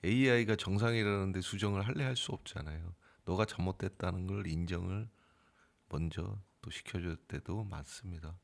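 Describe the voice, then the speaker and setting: Deep gravelly-voiced man talking to viewers. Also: normal speed. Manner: informal, hesitant with fillers, acts out arguing with the AI. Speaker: crypto trading bot channel host. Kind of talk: casual spoken explanation to viewers.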